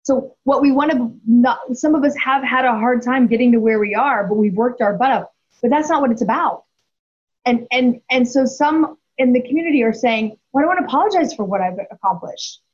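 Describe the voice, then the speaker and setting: A woman's voice: on the high side, normal speed, breathy edge. A woman in her forties, speaking as a guest and telling a story candidly, with emphasis and frequent restarts. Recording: dull lo-fi audio.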